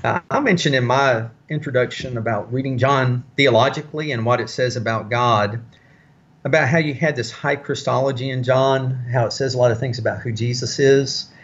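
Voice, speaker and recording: A man teaching a Bible study in a conversational way, explaining passages with frequent pauses and fillers. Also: medium pitch, fairly bright tone, dull audio.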